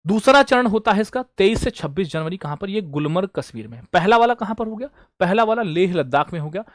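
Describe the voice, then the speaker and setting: A man's voice: high voice, lively intonation, fast, no room sound, clean studio sound. Man teaching a drilling quiz class. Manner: repetitive question-and-answer drilling, addresses students as bhaiya and beta. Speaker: exam coaching teacher. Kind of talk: online current affairs class.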